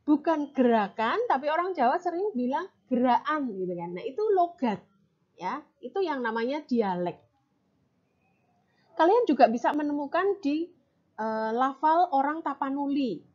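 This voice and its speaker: A woman's voice: sits high, big pitch swings, moderate pace, muffled recording. A woman teacher explaining a lesson to her students, patient and step by step, often checking in with short tag questions.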